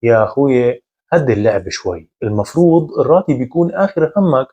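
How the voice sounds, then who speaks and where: A man doing an eager young schemer, husky. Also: mid-range voice, brisk, mellow, dull audio, lightly acted. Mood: upbeat.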